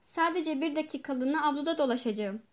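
Brief: woman doing a frightened male doctor, pleading, high voice, storybook reading. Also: fairly quick, lightly acted. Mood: agitated. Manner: pleading, agitated. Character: trembling middle-aged male doctor, shaken.

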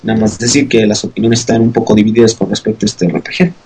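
A man's voice: on the low side, fast talker, a little mellow, rough recording. A man co-hosting a podcast, explaining game news in a rambling casual way with many fillers. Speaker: podcast co-host. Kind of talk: casual news segment chat.

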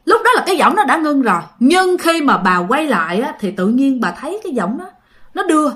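A woman's voice: high voice, big pitch swings, brisk, fairly bright tone. Chatty storyteller woman. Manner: chatty, addresses listeners directly. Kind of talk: casual narration of ghost stories.

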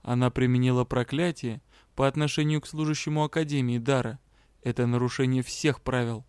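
A man's voice: mid-range voice, fairly even intonation, a little fast, darkish tone, clean tone, dry recording, clean studio sound, natural voice. A man voicing a strict, indignant female academy captain who speaks sharply and commands. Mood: stern.

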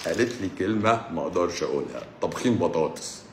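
A man in his forties with an Egyptian Arabic accent, chatting casually on a live stream, sarcastic and mocking, swinging between loud outbursts and low mutters. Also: roomy sound, slight background noise. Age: 40s. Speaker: doctor hosting a live stream. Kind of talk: casual live-stream chat answering comments.

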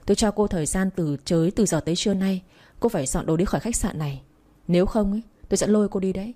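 A woman's voice: medium pitch, quick pace, mellow, close to an everyday voice. A woman reading the lines of a cold, arrogant young man in a spoken romance story, in a curt and dismissive manner.

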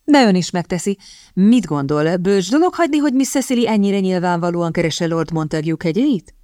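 A woman's voice: on the low side, expressive, dark tone, dry recording, clean studio sound, natural voice. A woman voicing a gossiping aristocratic older countess who speaks confidentially and sweetly meddles, in an audiobook. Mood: confiding. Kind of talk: audiobook character voice.

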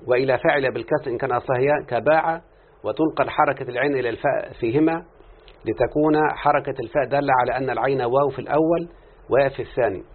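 Speaking very fast in a mid-range, slightly rough voice, this male teacher of Arabic morphology has an Egyptian Arabic accent. He explains grammar while peppering students with questions to draw their answers out, captured on a thin, phone-like recording.

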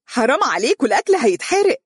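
A storyteller voicing a lively, teasing young wife in Egyptian dialect, pitching up to play her. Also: fast, husky, no echo, studio quality. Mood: playful. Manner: bright, teasing, rising excited pitch. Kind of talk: storybook reading.

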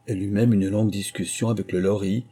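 A man narrating a storybook with a measured, expressive reading. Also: lowish voice, slightly rough. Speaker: audiobook narrator.

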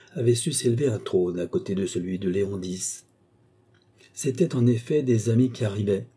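A male narrator reads a nineteenth-century romance with measured, expressive phrasing. His voice sits low and sounds very dark and mellow, with a husky edge. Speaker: audiobook reader. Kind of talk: literary narration.

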